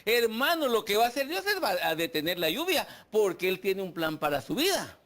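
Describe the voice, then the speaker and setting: A man's voice: high voice, big pitch swings, fairly quick, a bit bright. A man preaching a sermon, putting questions to the congregation and acting out their complaints. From Guatemala. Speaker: pastor. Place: church.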